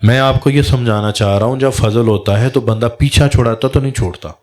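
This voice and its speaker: A man's voice: mid-range voice, a little mellow. A man, a Sufi spiritual guide, telling a story in a religious talk and acting out the dialogue in quoted voices.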